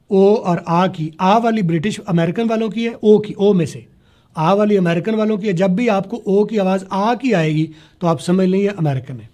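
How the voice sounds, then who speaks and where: A man teaching spoken English to a class, spelling words letter by letter, slowing down to model sounds and checking that students follow. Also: sits high, dark tone. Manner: slows down to demonstrate pronunciation. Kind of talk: classroom lecture.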